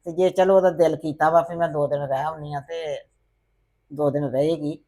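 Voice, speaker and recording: Woman playing a deep-voiced calm mother-in-law, preachy but gentle, family drama. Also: moderate pace. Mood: soothing. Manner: calm, soothing, calls her "son". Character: patient older mother-in-law, soothing and preachy.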